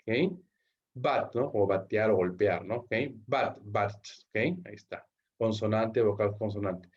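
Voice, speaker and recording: A man's voice: medium pitch, darkish tone, muffled recording. A male English teacher giving an online class lecture, explaining rules step by step and checking in with frequent "¿ok?" after each point. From Peru.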